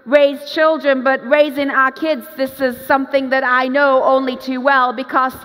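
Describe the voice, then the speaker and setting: On a large, dark stage, a female pastor with a high voice gives a lively conference sermon at a moderate pace. She animatedly voices the people she quotes while moving about, with long reverb echoing through the hall.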